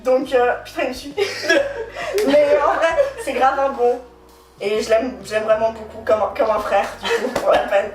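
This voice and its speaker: A high-pitched young woman tells her stories with lots of laughter and lively energy. She sits back from the microphone in an echoey room with faint music underneath. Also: normal speed, far from the mic. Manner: animated, laughs often while telling. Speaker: guest telling dating stories. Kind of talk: casual storytelling.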